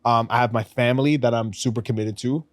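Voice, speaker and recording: Recorded dry in a podcast studio, a man in his thirties with a New York accent co-hosts the show, talking fast in a medium-pitched, steady voice. He keeps the chat casual and slangy, with plenty of emphasis.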